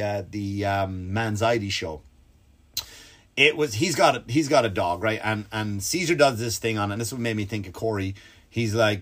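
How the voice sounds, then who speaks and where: A man hosting a comedy podcast, ranting animatedly and swearing, with his voice jumping up when he gets worked up. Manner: animated, swearing, pitch leaps when excited. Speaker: podcast host. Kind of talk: comedic storytelling rant.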